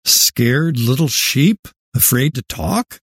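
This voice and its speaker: An actor playing a cranky, defiant old great-grandfather in an audio drama, gruff and scornful, sometimes bursting into shouts. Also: medium pitch, lively intonation, slow, no echo, studio quality, exaggerated voice. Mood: probing, stubborn. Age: older.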